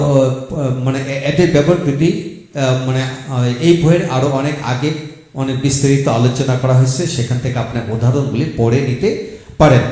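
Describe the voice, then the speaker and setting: Male teacher, slightly high, mellow voice, patient step-by-step lecture style. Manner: explains step by step, repeating example words slowly. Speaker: English teacher. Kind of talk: video lecture. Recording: very echoey room.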